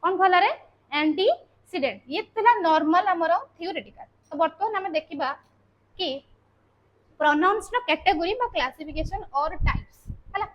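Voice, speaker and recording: A woman's voice: very high-pitched, animated, moderate pace, long pauses, dull audio. A woman teaching a grammar lesson, explaining patiently step by step and often ending points with a checking tag. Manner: patient step-by-step explaining, repeating key terms. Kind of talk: classroom lesson.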